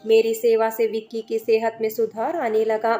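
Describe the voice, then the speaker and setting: A woman narrating a scripted story in an even storybook manner, telling it as a young man in the first person. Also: on the high side, moderate pace, soft background music.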